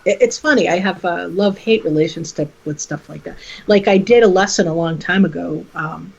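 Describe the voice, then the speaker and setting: Teacher lady chatting earnestly, kinda husky, muffled lo-fi audio. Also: fairly low pitch, brisk, darkish tone. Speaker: teacher and guest. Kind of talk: casual chat. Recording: dull, lo-fi sound.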